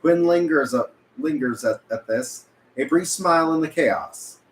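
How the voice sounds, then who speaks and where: Speaking a little slowly in a voice on the high side, a man reads stage directions at a script table read, occasionally stumbling before correcting himself. Background noise fills the echoey room.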